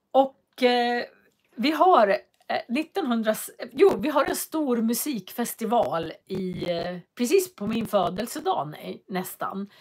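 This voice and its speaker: A woman hosting a casual livestream from her home office, chatting and reading out viewer comments with frequent hesitations. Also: a little high. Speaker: livestream host.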